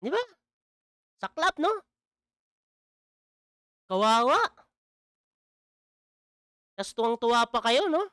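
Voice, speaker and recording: A man's voice: very high-pitched, big pitch swings, takes it slowly, pauses often, pushed and bright, smooth, no room sound, studio quality. A man commenting in a casual vlog, mocking and asking "di ba?" again and again. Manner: mocking, repeats "di ba?". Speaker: vlogger.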